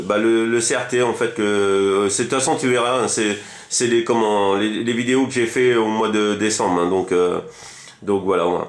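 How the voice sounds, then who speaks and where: A man with a lowish voice, an amateur CB radio operator, chats casually in an echoey room. He rambles enthusiastically and tends to repeat himself.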